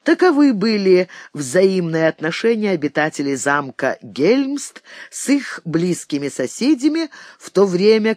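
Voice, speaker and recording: Expressive male audiobook narrator. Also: high-pitched, dry recording, clean studio sound. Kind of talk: scripted narration of a historical novel.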